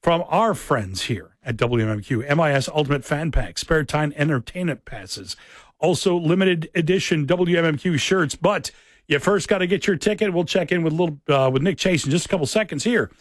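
A man working as a radio DJ, making station announcements in a relaxed way with small fillers. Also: on the high side, normal speed, no room sound, studio quality.

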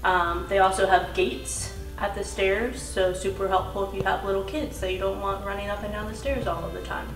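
A woman in her thirties walks through a small rental house, describing each room slowly in an upbeat tour-guide way. She is recorded from across the room, and her voice rings in the bare rooms. Music plays underneath. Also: mid-range voice, fairly even intonation. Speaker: travel vlog co-host. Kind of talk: home tour narration. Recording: echoey rooms with background music.

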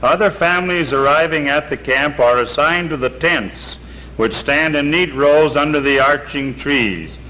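A middle-aged man speaking in a measured, earnest, formal way, reading a prepared statement for a 1950s television broadcast. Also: fairly high pitch, pushed and bright, low-quality recording. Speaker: camp spokesman. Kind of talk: reading a prepared statement, then documentary narration. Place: outdoors by a lake. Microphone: seated on camera, reading from papers. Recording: old 1950s TV broadcast with faint hiss.

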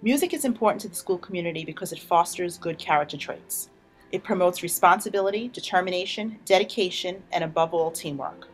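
Lowish measured woman on staff. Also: soft background music. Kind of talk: scripted talk to camera.

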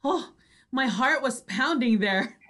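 Over a very noisy video call, a woman speaks slowly in a high-pitched, expressive voice. She hosts an online radio show, reacting to things in animated exclamations and chatting casually with listeners.

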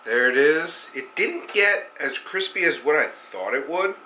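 A man's voice: a little high, lively intonation, measured pace, bright, forceful tone, slight background noise, low-quality recording. A man with a stuffy, congested nose, casually talking through his cooking step by step in a home kitchen. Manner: laid-back, talks through each step. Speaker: outdoor cooking vlogger. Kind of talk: casual vlog narration.

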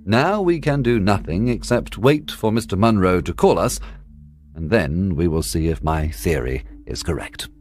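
Man reading a calm, clever detective. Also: deep voice. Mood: explaining. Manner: measured, explanatory. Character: calm, clever male detective explaining a theory. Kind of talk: audiobook drama reading. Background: soft music.

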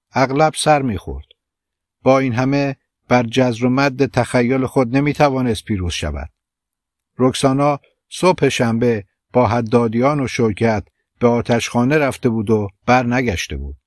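A man narrating an audiobook of a literary novel in a measured, steady reading. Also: medium pitch, no echo, studio quality.

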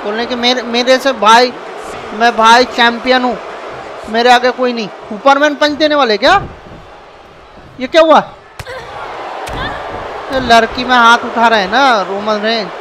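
A man giving excited, casual commentary over a wrestling video game and often shouting. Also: very high voice, a little slow, pauses often. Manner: excitable, shouts often, calls people bhai. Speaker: gameplay commentator. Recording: noisy background with crowd sounds. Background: video game arena crowd and noise.

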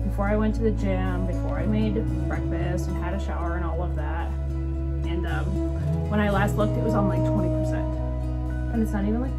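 A young woman in her twenties chatting casually and rambling cheerfully in a vlog, filmed on a phone in her bathroom and parked car. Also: medium pitch. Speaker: vlogger.

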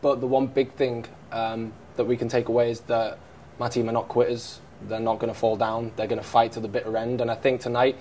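A man in his thirties, a head coach, reflects on a match at a press conference in a press room with a sponsor backdrop, using many fillers and restarts. His mid-range voice is level, a little fast and a little mellow, over slight hiss or hum.

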